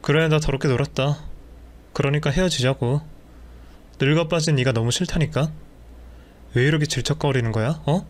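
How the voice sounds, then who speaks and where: A man's voice: a little high, normal speed, long pauses, close to an everyday voice. A man voicing a cruel, contemptuous husband who talks in a scornful, dismissive way.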